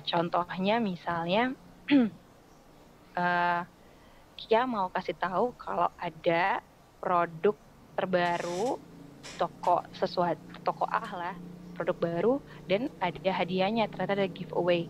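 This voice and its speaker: A woman's voice: fairly low pitch, slow pace, long pauses, muffled recording, a little hiss or hum. A woman who works as a radio voice-over artist, chatting casually as a podcast guest and explaining her craft with spoken examples. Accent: Indonesian.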